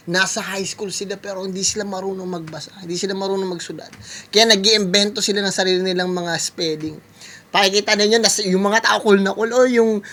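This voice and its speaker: A man with a bright, forward tone chats loosely with his audience as he reacts to a clip. He rambles, repeats himself, and keeps calling his viewers guys. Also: high voice. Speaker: music producer reacting to a video. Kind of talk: casual reaction commentary. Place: California.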